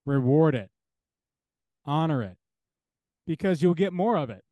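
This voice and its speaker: Brief: male interview guest, theologian, emphatic and insistent, stacks phrases in a row, fairly high voice, dry close sound. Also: lively intonation, measured pace, dark tone, dry recording. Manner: emphatic, builds points through repeated parallel phrases. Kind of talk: earnest interview talk.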